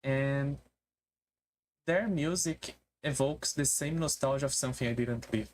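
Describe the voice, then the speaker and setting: A streamer talking casually in a halting way, with non-native English phrasing, on a solo stream. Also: medium pitch, a little hiss or hum. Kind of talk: casual solo debut stream talk about favourite books and music.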